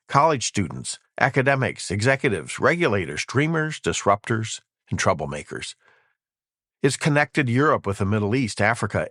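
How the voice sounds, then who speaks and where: A man hosting a podcast, reading a scripted introduction in a measured, announcer-like way. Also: fairly low pitch, no echo. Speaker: podcast host. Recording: dry studio voice with soft music behind.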